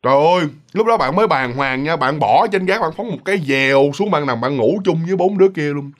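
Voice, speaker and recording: A man's voice: on the high side, a little fast. A man telling a ghost story and talking straight to his listeners. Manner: animated, talks straight to listeners. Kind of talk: spoken ghost story narration.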